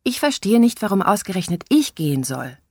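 Selina, a woman doing a high dramatic young girl. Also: very animated, brisk, a little mellow, husky, no room sound, clean studio sound. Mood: chatty. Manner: theatrical, then hesitant and chatty. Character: excitable young girl, dramatic, forgetful, dreamy.

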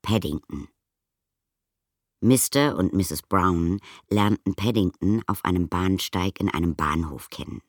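A woman reading a children's storybook aloud as narrator, with a raspy voice. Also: a bass voice, unhurried, no echo, studio quality. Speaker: audiobook reader.

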